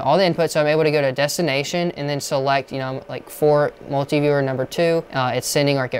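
A young man gives a casual, matter-of-fact tour of a small, dark broadcast control room and explains the equipment step by step. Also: mid-range voice, slight background noise. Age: young adult. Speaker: church video technician giving a tour.

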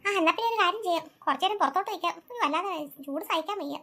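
A woman doing a very high, jumpy little girl. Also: animated, rapid-fire, bright, forceful tone, heavily acted. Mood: musing. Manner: jumpy, frightened muttering to herself. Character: scared young girl alone at night. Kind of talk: cartoon voice acting.

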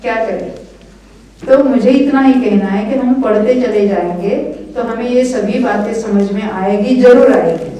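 Older woman, scripture teacher, mellow higher voice, earnest lecture, echoey hall. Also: unhurried. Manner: earnest, encouraging, often asks "right?". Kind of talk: lecture at a religious study camp. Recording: echoey hall, voice from far off the mic.

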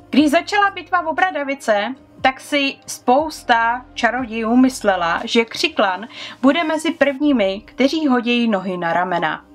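A young woman casually retelling a fictional wizard's life story to her viewers, lively, with frequent questions to the audience. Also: fairly high pitch. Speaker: YouTuber retelling book lore.

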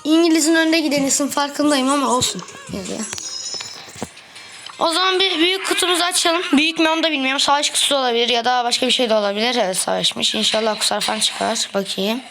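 High-voiced woman doing gameplay commentary. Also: background noise. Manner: chatty, quick to get exasperated with teammates. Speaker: gaming video creator. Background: background music.

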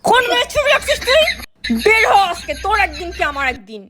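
A woman playing a scheming young wife who sneaks money from her husband's wallet and then scolds him loudly. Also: high voice, animated, very fast. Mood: angry scolding. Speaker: wife in comedy skit. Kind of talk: comic skit acting.

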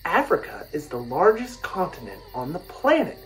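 A woman teaching a lesson for young children, slowly repeating each key word in a sing-song way. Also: sits low, very animated, recorded from a distance, slight background noise. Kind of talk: educational lesson for young kids. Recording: music playing behind the voice.

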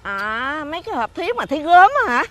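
A brash, high-voiced Southern scrap-buying aunt. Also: female voice, big pitch swings. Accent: Southern Vietnamese. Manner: scolding, calls out her wares in a drawn-out street cry. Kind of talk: rural family TV drama.

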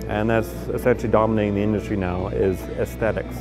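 A man's voice: on the low side, steady tone, fast, poor audio. Canadian guy talking thru welding in a big shop, loose and chatty, music going under him. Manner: informal, with fillers and restarts, explaining a process step by step. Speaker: shop expert explaining welding. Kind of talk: unscripted technical commentary. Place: large industrial fabrication shop, indoors. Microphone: handheld or lapel mic.

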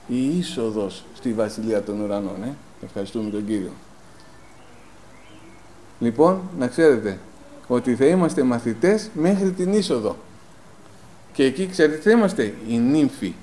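A man preaching a sermon in a plain conversational tone, asking rhetorical questions, filling pauses with "eh" and calling the congregation brothers. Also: medium pitch, warm tone, poor audio. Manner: rhetorical questions answered himself, frequent "eh" fillers; personal anecdotes told in plain conversational tone. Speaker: lay preacher.

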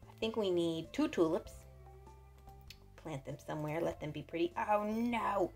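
A woman's voice: on the low side, moderate pace, vocal fry, darkish tone. A woman giving casual, chatty let's-play commentary, playful and thinking aloud. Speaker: gaming video host. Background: faint game music.

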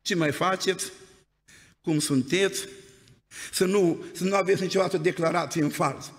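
A man's voice: sits high, steady tone. A man preaching a sermon in a church, telling stories in a conversational way and often prompting the congregation with "amen?". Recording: long church hall reverb.

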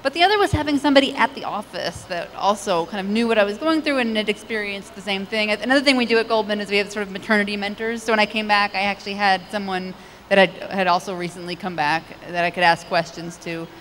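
A woman's voice: mid-range voice, quick pace, fairly bright tone. A woman in her thirties speaks on a conference panel, loose and conversational with many restarts. Her handheld mic carries a long hall reverb. A faint hiss sits underneath. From United States. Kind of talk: panel discussion answers. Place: large conference stage. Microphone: handheld microphone.

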